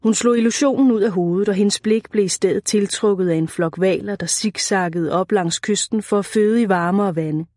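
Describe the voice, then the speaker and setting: Reading an audiobook at an even, measured pace, a woman speaks at medium pitch. The studio sound is clean and free of echo.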